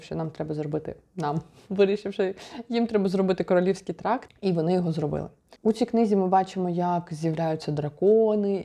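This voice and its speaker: A young woman chatting casually as a book vlogger in a lively, rambling way, full of fillers and self-corrections. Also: fairly low pitch. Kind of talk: casual book review chat.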